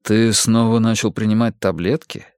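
A serious detective in an audiobook speaks in a steady, firm, low-key voice, as a male narrator voices him. The recording is dry and close-miked. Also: normal speed, smooth, no echo, natural voice.

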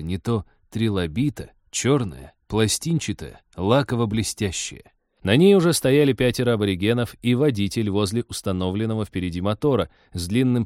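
A man narrating a science-fiction audiobook in a wry, even storytelling manner. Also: fairly low pitch, moderate pace, no echo, studio quality.

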